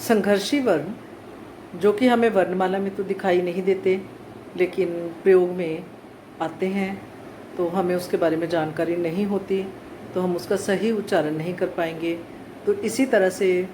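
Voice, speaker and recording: A woman teaching Hindi pronunciation to children, speaking slowly and stretching out each example word. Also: lowish voice. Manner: slow, deliberate, stretching out example words. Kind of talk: slow classroom explanation to children. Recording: echoey room with faint ambient noise.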